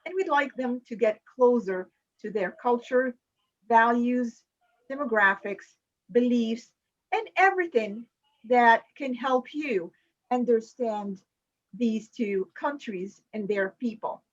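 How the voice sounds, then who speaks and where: High-voiced woman hosting a podcast. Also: expressive, slow pace. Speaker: podcast host. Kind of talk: podcast introduction. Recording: dull lo-fi audio.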